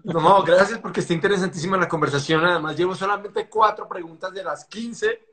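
Male host, 40s, fairly high, bright and forceful voice, eager interviewer on a phone live stream. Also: a little fast. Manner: eager, agreeable, with short affirmations. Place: indoor room at home. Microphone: phone camera on a video call.

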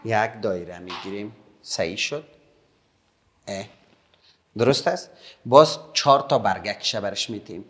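A middle-aged man with an Afghan Dari accent, teaching young children patiently, repeating slowly and praising often. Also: lowish voice, slight background noise. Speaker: primary school teacher.

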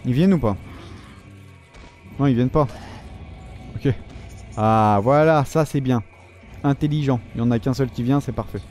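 A man's voice: medium pitch, normal speed, long pauses, faint music behind. Young man swearing through a let's-play. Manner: joking, swears a lot, shouts at enemies. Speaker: gaming video host. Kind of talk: casual let's-play commentary.

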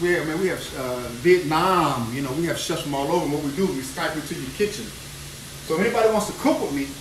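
Cooking live in his home kitchen, a New Orleans chef streams with exuberant chatter and repeated phrases, his voice fairly high in pitch. The phone camera roams the kitchen, its distant mic catching echo and the noise of frying and sizzling food.

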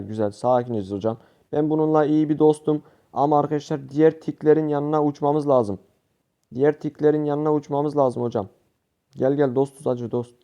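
A young man commenting live on his own gameplay for his channel, animated, talking to viewers and shouting at teammates. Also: on the high side, dull audio. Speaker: gaming youtuber.

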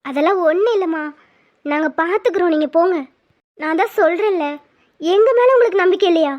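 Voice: extremely high pitch, brisk. A performer voicing a caring young woman who comforts and advises her grieving relative. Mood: soothing. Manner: soothing, advising. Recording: dull lo-fi sound.

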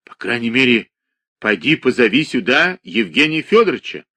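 A man's voice: mid-range voice, sing-song, normal speed, bright, forceful tone. A man voicing a timid middle-aged male doctor who pleads in a trembling voice in an audiobook reading. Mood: shaken.

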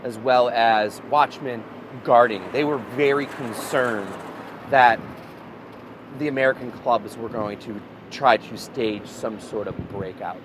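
Amid street traffic beside a prison wall, a man in his thirties gives a casual guided history talk, narrating as a story and often using fillers and restarting sentences. His mid-range voice moves at a measured pace.

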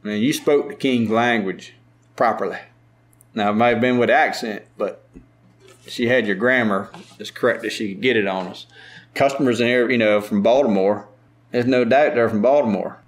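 A middle-aged man with a strong Maryland Eastern Shore accent, a farmer talking casually in an interview with a drawn-out, unhurried way of speaking. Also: lowish voice. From lower Eastern Shore of Maryland. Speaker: farmer and market owner.

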